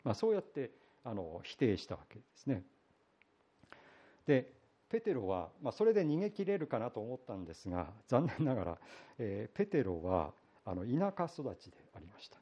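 A pastor from Iwate, Japan, preaching a conversational sermon, telling the story in a relaxed, folksy way with many hesitations. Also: male voice, medium pitch, brisk, slightly rough.

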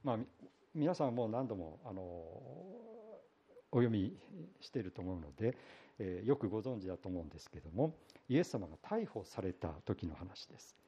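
A pastor from Iwate, Japan, preaching a conversational sermon, telling the story in a relaxed, folksy way with many hesitations. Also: male voice, fairly low pitch, moderate pace, breathy edge, highs cut off.

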